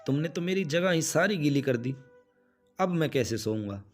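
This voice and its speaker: A man's voice: fairly high pitch, expressive, normal speed, faint music behind, pitched above the performer's own voice, lightly acted. A man voicing an impatient grown son in a spoken story, sounding complaining. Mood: irritated.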